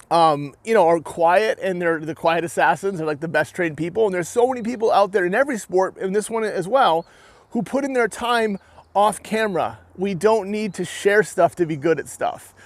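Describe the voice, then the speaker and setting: A young man from New Hampshire who fights in armored combat delivers an earnest, rambling to-camera rant for his viewers, full of restarts and "right?" tags. His voice sits high, with no echo in the recording.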